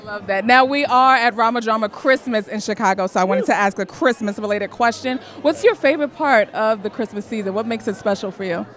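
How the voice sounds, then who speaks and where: A woman's voice: a little high, a little fast, hardly any pauses, a bit bright. A woman chatting as a red carpet interviewer, asking questions into a handheld mic. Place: red carpet press wall at an event. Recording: crowd chatter behind, event hall. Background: crowd chatter.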